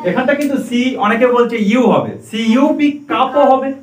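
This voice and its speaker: A man with a very high voice runs a classroom lesson at a moderate pace, calling on pupils one at a time and spelling out letters for them. The classroom is roomy, and his voice is recorded from a distance.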